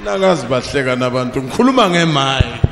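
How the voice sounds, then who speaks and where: A man with a South African Zulu accent preaching a sermon emphatically at a pulpit microphone, often rising to shouts and dropping into asides to his listeners. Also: mid-range voice, lively intonation, fast talker, creaky, very noisy. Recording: echoey hall with long reverb.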